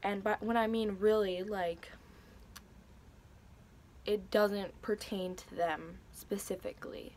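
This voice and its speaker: A woman's voice: mid-range voice, fairly even intonation, takes it slowly, long pauses, darkish tone. A young woman telling a personal story in a vlog, hesitant and emotional, with many fillers and restarts. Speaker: vlogger.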